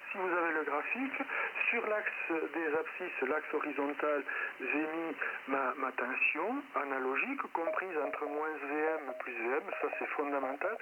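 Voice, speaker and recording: A man with a slightly high voice improvises a technical explanation as a ham radio operator, teaching in a halting way and correcting himself as he goes. He comes through a shortwave single-sideband transmission, narrow-band and very noisy, with loud radio static behind him.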